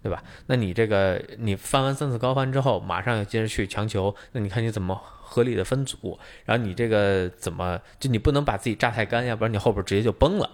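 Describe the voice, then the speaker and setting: A man's voice: on the low side, quick pace, hardly any pauses. A man co-hosting a podcast, explaining things at length in casual chat, with many fillers. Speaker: podcast co-host.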